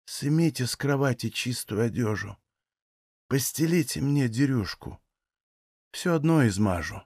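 A dying young peasant woman speaks in a faint, breathy, weak voice, as a man reading the story puts her on. The recording is dry and close. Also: medium pitch, sing-song, takes it slowly, no echo.

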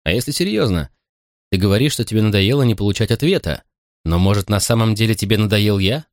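Man doing a soft-spoken puzzled companion, low voice, expressive rise and fall, dry storybook reading. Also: fast, no echo. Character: gentle, bewildered grown man companion.

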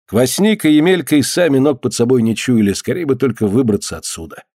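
A man reading scripted narration of a story in a steady, even storytelling manner. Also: medium pitch, a little fast, no room sound, clean studio sound. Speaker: audiobook reader.

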